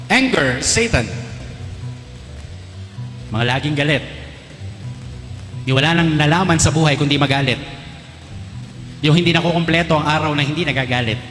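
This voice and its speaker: Teasing Filipino priest in an echoey church. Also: male voice, fairly high pitch, fairly bright tone. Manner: teasing, quizzes the crowd with rapid questions. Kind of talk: lively homily to a congregation. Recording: echoey church with long reverb, faint music.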